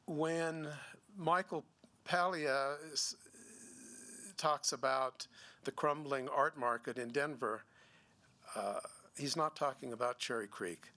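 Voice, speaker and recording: A middle-aged man, a gallery owner giving a seminar talk, speaking haltingly with many restarts and fillers. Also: mid-range voice, bright, forceful tone. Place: museum seminar room.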